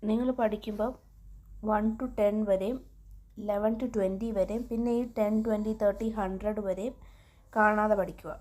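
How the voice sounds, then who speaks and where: A woman's voice: mid-range voice, steady tone, normal speed, darkish tone. A woman teaching a German lesson online, patiently explaining step by step and reading the numbers aloud for learners to repeat.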